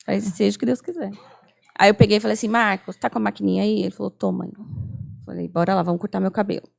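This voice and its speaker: A woman's voice: mid-range voice, steady tone, quick pace, creaky, a little mellow. A woman in her thirties with a Brazilian Portuguese accent, telling a personal testimony earnestly as a guest in a casual chat, acting out remembered dialogue. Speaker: podcast guest.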